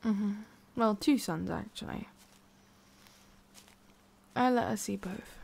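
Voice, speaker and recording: Here a woman takes on the role of a guarded, lonely witch who cannot die, speaking gently and frequently whispering in a close ASMR roleplay. She has a mid-range, creaky voice, moves at an unhurried pace, and carries a melancholy mood.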